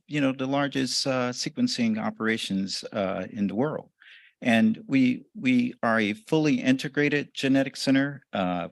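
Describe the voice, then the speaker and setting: A man giving a conference presentation in a relaxed way, with uhs and restarts. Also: fairly low pitch, gravelly, no room sound. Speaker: conference speaker.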